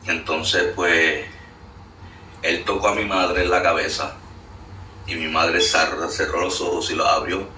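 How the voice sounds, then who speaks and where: A man's voice: sits low, level tone, measured pace, long pauses, sharp tone. A man giving an earnest spoken testimony, full of fillers. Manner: earnest, storytelling with many fillers. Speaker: guest sharing a testimony. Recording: echoey room, distant mic, faint noise.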